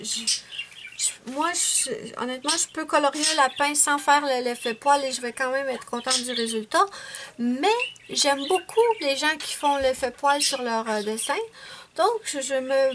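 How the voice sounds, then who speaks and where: A high-pitched woman with a Québécois accent talks in a loose, rambling way, often calling her viewers her friends. A clear, steady hiss of noise sits under the recording. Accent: Quebec French. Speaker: adult coloring channel host. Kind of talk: casual show-and-tell chat.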